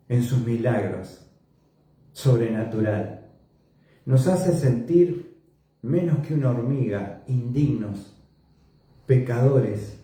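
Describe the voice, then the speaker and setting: A male pastor, preaching a sermon slowly and emphatically, his voice often rising sharply in pitch and force. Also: warm tone. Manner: slow, emphatic preaching with sudden rises in pitch and volume. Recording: echoey church hall, voice from a distance.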